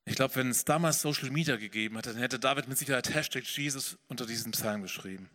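A man preaching a sermon as pastor, earnest and swelling then dropping soft. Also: medium pitch, fast talker, big-room sound. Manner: earnest preaching, rising and falling in intensity.

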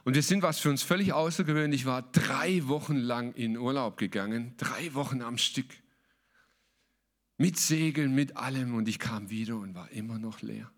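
A man's voice: mid-range voice, normal speed. A man preaching a sermon as a pastor, emphatic and colloquial, mixing in English words.

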